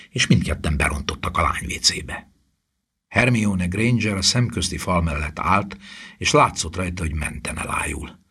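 A man reading a fantasy story aloud as narrator, building suspense and often sinking to a hushed whisper. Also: deep voice, breathy edge. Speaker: audiobook narrator. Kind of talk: scripted narration.

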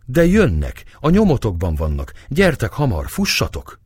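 Storybook part: anxious young woman, pressing and pleading, raised-pitch voice, as a low-voiced male reader puts her on. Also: wildly swooping pitch, darkish tone, slightly rough, no room sound, studio quality.

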